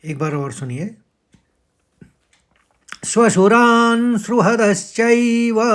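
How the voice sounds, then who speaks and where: Slow-spoken man teaching verse chanting. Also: on the high side, a little mellow. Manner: chants verses slowly with stressed syllables. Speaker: recitation teacher. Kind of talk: scripture recitation lesson.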